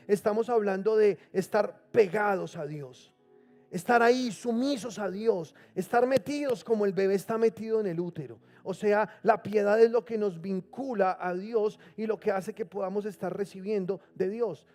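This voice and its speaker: A male pastor preaching a sermon, reading scripture slowly and with emphasis and calling on the congregation to repeat words after him. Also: sits high, warm tone.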